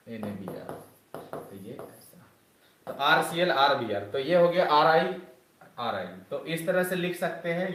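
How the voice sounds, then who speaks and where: A man teaching an online chemistry class. He drills students loudly in call-and-response and chides them as he goes. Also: mid-range voice, slight background noise.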